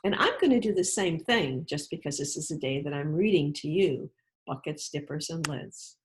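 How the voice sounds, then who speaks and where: A woman author reads aloud and speaks straight to children, encouraging and instructing them with deliberate, emphatic phrasing. Her voice is low-pitched and animated.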